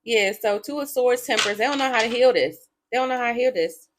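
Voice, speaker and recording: A woman's voice: fairly high pitch, fast, heavy background noise. A woman giving a casual tarot reading to her viewers, blunt and profane, often breaking into laughter. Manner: talks straight to her viewers. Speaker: tarot reader.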